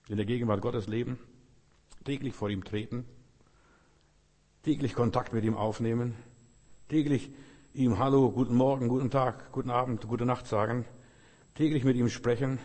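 A male preacher delivers an emphatic sermon, hammering home his points through repetition. His voice is dark and mellow. It rings out with a long reverb, as if in a large church hall. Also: mid-range voice.

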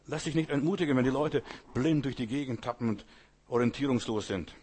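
A man's voice: mid-range voice, brisk, husky. A man preaching a sermon in a conversational way, often asking his listeners whether they follow and repeating his exhortations. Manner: conversational, keeps asking the audience "weißt du"; repetitive exhortation, rising loud on key phrases.

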